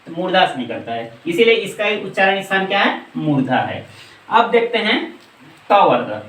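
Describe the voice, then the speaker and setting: A man teaching a grammar lesson, asking questions and answering them himself, and reciting letters slowly one by one. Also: high voice, very animated, a bit bright, recorded from a distance. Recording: echoey room, voice off-mic.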